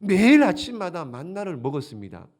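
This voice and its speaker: Male pastor, sermon, fairly high and very animated delivery, asks and answers. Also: a little fast. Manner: animated, asks the congregation questions and answers them.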